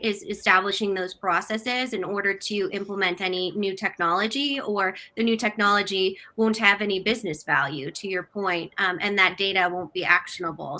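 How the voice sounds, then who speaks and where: A woman's voice: medium pitch, bright, forceful tone. A woman hosting a live-streamed business panel on a video call, asking questions in an upbeat, affirming way. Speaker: webinar host.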